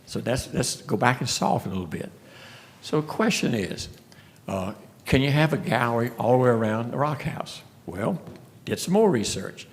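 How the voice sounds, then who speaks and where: Man at a town meeting, gravelly, folksy storyteller. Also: mid-range voice, sing-song, moderate pace. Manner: folksy storytelling, frequent restarts. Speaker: speaker at a city commission meeting. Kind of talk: casual presentation.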